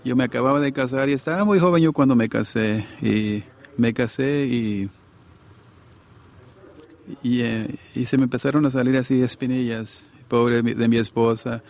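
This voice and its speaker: A man's voice: medium pitch, steady tone, normal speed, creaky, darkish tone. A middle-aged man preaching a sermon to a congregation in a conversational way, often asking his listeners to agree.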